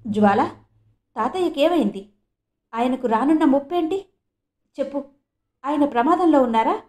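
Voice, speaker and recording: A woman's voice: on the high side, normal speed, natural voice. Woman reading as a stern middle-aged mother. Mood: anxious. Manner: firm, scolding.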